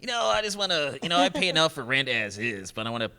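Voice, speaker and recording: A man's voice: a little high, sing-song, fast, bright, forceful tone, clear, resonant tone. A man hosting a casual interview, with a nasal voice and a joking, laid-back manner. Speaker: interviewer and host.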